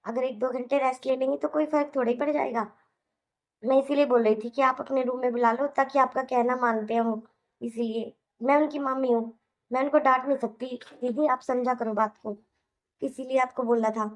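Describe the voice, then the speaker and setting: Woman playing a cartoon housewife, high voice, Hindi accent, gentle, pleading. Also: fairly even intonation, fairly quick. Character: patient young housewife, sister-in-law. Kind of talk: cartoon voice acting.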